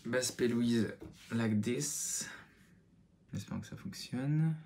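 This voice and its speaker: A man's voice: medium pitch, slow, dark tone, a little hiss or hum. A young man chatting through a makeup tutorial at home, self-mocking and muttering as he works. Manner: self-mocking, mutters and sighs at own mistakes. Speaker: makeup vlogger. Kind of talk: casual makeup tutorial chat.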